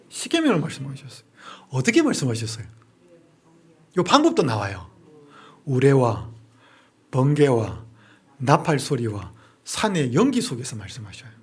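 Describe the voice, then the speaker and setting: Husky, fairly high-voiced male pastor lecturing. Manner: drills the audience with rapid question-and-answer; asks and answers his own rhetorical questions. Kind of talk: Bible-study lecture.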